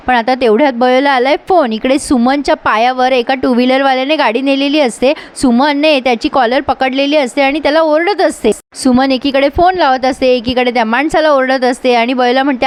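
A woman retells a TV serial episode in a casual, chatty way. She speaks straight to her viewers and adds her own comments. Her voice sits high. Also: clear, resonant tone. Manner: chatty, addresses viewers directly, comments on the plot. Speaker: serial recap vlogger.

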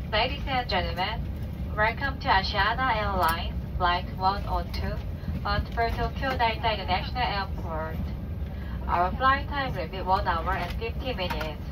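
A woman flight attendant reading a formal, scripted airline welcome announcement. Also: mid-range voice. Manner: formal, courteous set phrasing. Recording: distant cabin announcement, very loud noise. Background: loud aircraft cabin noise.

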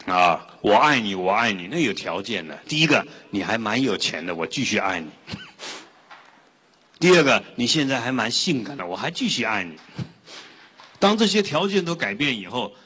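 Animated monk preacher, bright and husky, in a reverberant hall. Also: male voice, on the low side, normal speed. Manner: lively and rhetorical, asks the audience questions. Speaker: Buddhist monk giving a dharma talk. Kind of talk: sermon with storytelling.

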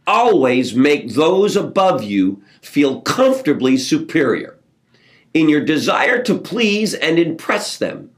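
A middle-aged man hosting a daily motivational message, talking with animated, emphatic phrasing at his desk. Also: mid-range voice. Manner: lively, animated delivery with slow, emphatic phrasing. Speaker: motivational host. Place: home office with bookshelves behind.

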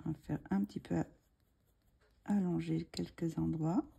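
Her voice sits low and stays steady at a measured pace, dark and slightly rough with vocal fry. As the host of a coloring tutorial, she chats casually and hesitantly while drawing, restarting often, using many fillers and murmuring asides, a slight frog in her throat.

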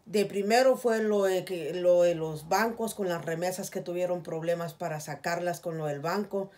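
A woman's voice: on the low side, normal speed, darkish tone. A middle-aged woman from Guatemala with a Guatemalan accent, earnestly pleading with her viewers in a casual vlog, recorded in a small room with the camera in front of her. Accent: Guatemalan Spanish. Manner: earnest, pleading, repeats "please, guys". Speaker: vlogger. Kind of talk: casual heartfelt appeal to viewers. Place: small indoor room with curtains.

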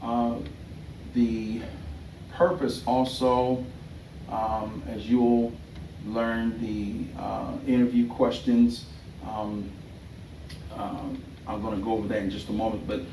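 A middle-aged man giving a thesis defense presentation in a hesitant, halting way, often rephrasing himself. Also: fairly low pitch, mellow. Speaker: doctoral candidate and pastor. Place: small indoor meeting room. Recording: roomy, distant mic with background noise.

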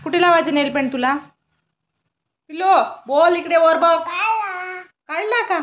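A woman's voice: extremely high pitch, measured pace, dull audio. A young woman chatting playfully with a toddler in a home vlog, coaxing and teasing in a sing-song baby-talk voice. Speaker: vlogger.

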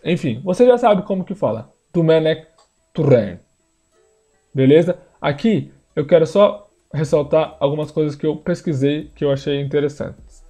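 A man, teaching pronunciation in a screen-share lesson, repeating words slowly for learners. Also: a little high, dark tone, soft background music. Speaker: language teacher.

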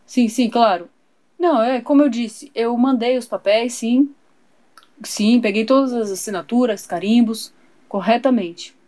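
A woman voicing a busy father on a formal phone call, hurried and apologetic. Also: on the high side, darkish tone, lightly acted.

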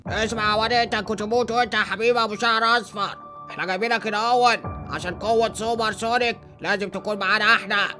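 A man's voice: high-pitched, fairly even intonation, racing, faint music behind. A man playing a bossy, threatening fire Sonic father with an Egyptian accent. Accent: Egyptian Arabic. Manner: bossy, blustering, bright-toned.

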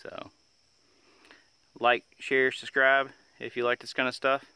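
Speaking slowly in a mid-range voice, a homesteading vlogger in his thirties casually walks through a how-to in his rural yard, rambling with frequent "uh" fillers. The arm's-length phone recording carries slight hiss or hum, plus the sound of crickets and insects.

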